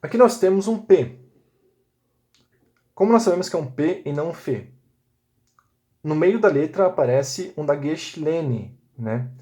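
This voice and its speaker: A man's voice: a little high, expressive, measured pace, long pauses, dark tone. A man teaching a recorded language lesson. He explains step by step and often checks in with short tag questions. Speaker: Biblical Hebrew teacher.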